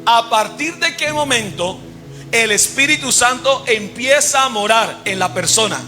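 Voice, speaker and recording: A man preaching from the pulpit in a high, ringing voice, with clear music behind him. He keeps firing questions at the congregation and has them finish his sentences. He swings from loud emphasis to low, quiet asides. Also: lively intonation, measured pace. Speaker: pastor. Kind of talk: sermon. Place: church service.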